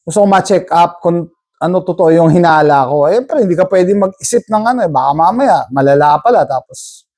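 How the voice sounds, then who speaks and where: A man with a high-pitched, mellow, warm voice tells a personal story to his viewers. He talks casually and rambles, checking in with a quick "no?" as he goes. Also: animated. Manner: chatty, rambling, tags sentences with "no?". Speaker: vlogger.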